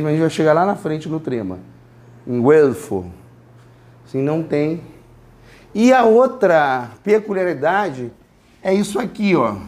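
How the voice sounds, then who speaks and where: A man with a high-pitched voice lectures a class from the front of a classroom. He explains patiently and repeats words aloud, asking students to echo them. He grew up in Brazil. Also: a little mellow. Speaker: Spanish teacher.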